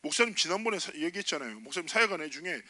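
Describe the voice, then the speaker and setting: A male youth pastor preaches to teenagers, telling stories and acting out every character's lines. His voice is bright and sits a little high, with wide swings in pitch. The recording is close and dry. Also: racing, no room sound. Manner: animated, acts out dialogue in character voices. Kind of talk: youth sermon with storytelling. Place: church sanctuary.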